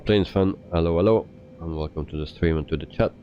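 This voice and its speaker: A man from Belgium giving casual commentary while live streaming a flight simulator. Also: fairly quick. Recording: muffled mic with faint engine rumble. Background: aircraft rumble.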